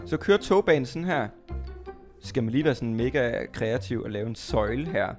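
A Danish man commentating his Minecraft play, chatty and excitable, talking to viewers and to his pet, squealing when startled. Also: mid-range voice, soft background music. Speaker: gaming YouTuber.

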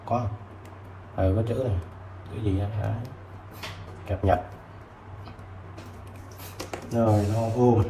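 Man, lowish voice, chatty, roomy sound, faint noise. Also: fairly even intonation, normal speed. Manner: chatty, fills with "đấy" and "rồi". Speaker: used tool seller. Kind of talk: casual product demo.

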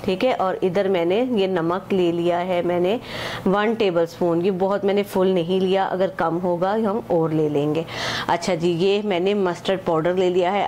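A home cooking channel host with a fairly low, warm female voice walks through a home recipe step by step, chatty and casual, with slight background noise. She keeps pointing things out to viewers, repeating "acha ji" and "ye dekhen" and mixing English measures into her Hindi-Urdu.

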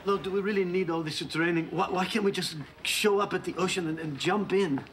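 A man's voice: high-pitched, fairly quick, a bit bright. An actor playing an anxious, wry, put-upon sitcom man. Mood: anxious, complaining. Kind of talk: sitcom acting. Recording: very noisy sitcom soundtrack.

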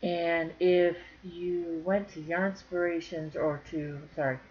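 A woman's voice: fairly low pitch, flat delivery, takes it slowly, darkish tone. Lady chatting to her camera about crafts, folksy and jokey, kinda muffled lo-fi sound. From northern Michigan. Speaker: crochet vlogger. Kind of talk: casual chat to camera.

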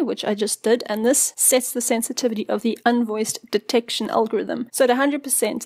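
A woman with a fairly high voice walks through a tutorial on music production gear. She explains in a relaxed, conversational way and tosses in small asides. The sound is dry and close, with no room around it. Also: dry recording. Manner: casual, explanatory, chatty asides. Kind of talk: spoken tutorial.

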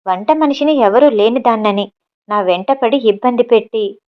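A woman's voice: on the high side, normal speed, muffled recording, close to an everyday voice. A woman voicing a defiant young cook, cutting. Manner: cutting, matter-of-fact retorts. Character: proud educated young woman cook, blunt.

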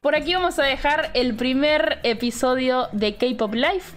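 A woman's voice: sits high, a little slow, slight background noise. A young woman with a Rioplatense Spanish accent, animatedly commentating her life-simulation gameplay, often laughing and exclaiming. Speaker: Sims let's play host.

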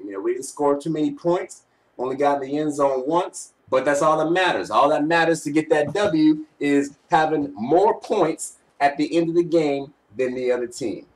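A man's voice: medium pitch, distant mic. A young man gives casual postgame sports commentary. He is slangy and teasing, like a fan vlogger. The sound is a home webcam recording from a small bedroom, slightly away from the mic. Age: young adult. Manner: slangy, teasing trash talk. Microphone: webcam at arm's length.

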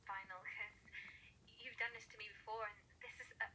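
Girl voicing a fed-up pet musician, soft and cold, kinda far from the mic, bright high voice. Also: little pitch movement, moderate pace, a little hiss or hum. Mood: hurt. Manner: quiet, wounded, turning cold. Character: hurt female pet musician, proud and fed up. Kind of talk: amateur fan voice acting.

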